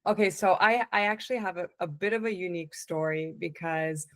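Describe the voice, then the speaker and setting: A woman coach telling her life story as a podcast guest, in a relaxed, conversational way with frequent restarts. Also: fairly low pitch, a little fast. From born in the United States, raised in Italy and Canada. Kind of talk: casual interview chat.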